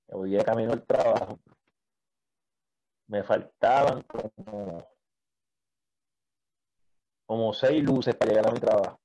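A man tells his faith testimony in an interview, in a warm, mellow voice of medium pitch. He tells it with animation, acting out the dialogue with pauses and repeated words. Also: poor audio. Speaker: preacher telling his testimony.

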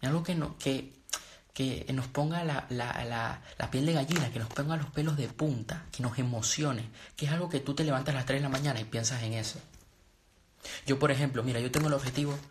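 A young man from Venezuela, a coach in personal development and trading, speaks at normal speed in a mid-range voice over a noisy background. His casual live-stream talk to viewers is earnest, rambling, and motivational, full of restarts and fillers.

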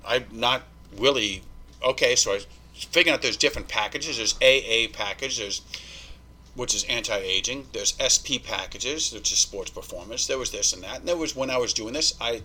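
A man's voice: mid-range voice, rough recording. A man telling a story as a podcast guest in casual, profane talk, acting out the people he quotes. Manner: animated, profane, acts out quoted dialogue.

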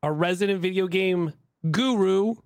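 A man from Texas hosting a casual podcast chat, telling stories with lively acted-out quotes and frequent laughter. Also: high-pitched, normal speed, clear, resonant tone, no echo, studio quality. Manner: animated, laughing storyteller who acts out quotes. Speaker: podcast host.

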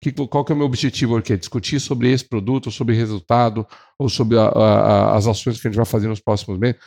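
Animated Brazilian man giving sales advice. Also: lowish voice, fast talker, creaky. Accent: Brazilian Portuguese. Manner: animated, shifts pace and acts out clients. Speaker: podcast co-host. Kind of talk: casual advice talk on sales.

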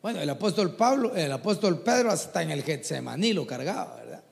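A man preaching a folksy, animated sermon to a church congregation. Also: on the high side, a little fast, vocal fry, big-room sound. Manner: animated, folksy, mimics people he talks about.

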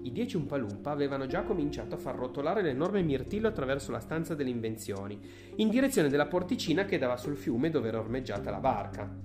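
Expressive woman reading a storybook. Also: very deep voice, quick pace, over music. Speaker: narrator. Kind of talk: audiobook reading.

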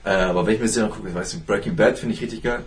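A man's voice: on the low side, steady tone, very fast. A young man, a podcast guest, chatting casually in slangy, hedging talk. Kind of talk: casual chat.

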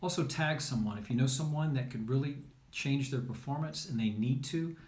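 A middle-aged man speaks as a performance coach on a live broadcast, in a medium-pitched voice. He fills his instruction with ums and uhs and restarts, checking in with listeners as he goes. The room around him is clearly echoey. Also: moderate pace, darkish tone. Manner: checks in with 'okay?' and 'all right?'. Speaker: high performance sports coach.

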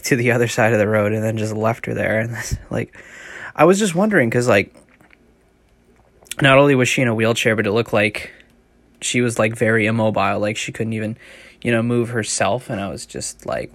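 A man's voice: fairly low pitch, normal speed, no echo. A man hosting his own podcast, talking in a loose, rambling monologue full of "like" and out of breath. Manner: rambling, heavy use of filler "like". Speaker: podcast host.

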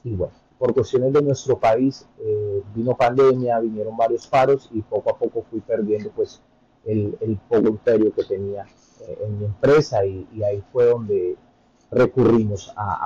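A Colombian man in his thirties speaks with a low, husky, mellow voice. He tells his story at an easy pace, filling pauses with hesitant sounds. The audio is dull and lo-fi. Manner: relaxed, hesitant with frequent fillers. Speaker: podcast guest. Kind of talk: conversational interview storytelling.

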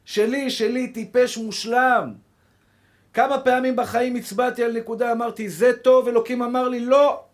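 A rabbi with a high, level-toned voice preaches passionately to his congregation. He repeats key phrases again and again for emphasis and keeps addressing his listeners as brothers.

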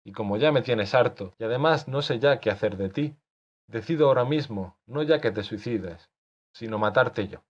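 A man's voice: mid-range voice, moderate pace, natural voice. A man reading an audiobook, voicing an irritable author who scolds the character he created. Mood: exasperated. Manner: exasperated, scolding. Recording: dull lo-fi recording.

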